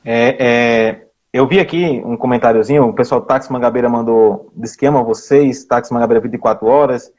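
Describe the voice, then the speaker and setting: Quick man on lo-fi audio. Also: mid-range voice, steady tone, darkish tone. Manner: quick, reads out comments with fillers. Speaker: live show co-host reading viewer comments. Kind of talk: casual live-stream chat.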